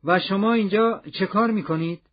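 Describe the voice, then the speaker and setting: A man voicing a guarded, cautious middle-aged fugitive who asks terse questions, in a dull lo-fi recording. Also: sits high.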